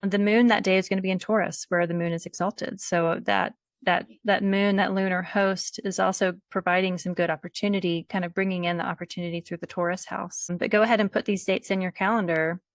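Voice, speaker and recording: A woman hosting a casual conversation, explaining things in a relaxed way and thinking aloud as she goes. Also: on the low side, fairly quick, hardly any pauses, no room sound, clean studio sound. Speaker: host.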